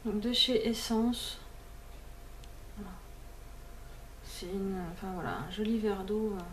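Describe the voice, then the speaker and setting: A woman's voice: mid-range voice, fairly even intonation, slow, a little hiss or hum. Chatty woman vlogging at home. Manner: chatty, many fillers and restarts, mixes in English words. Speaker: beauty vlogger. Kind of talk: casual chat to camera.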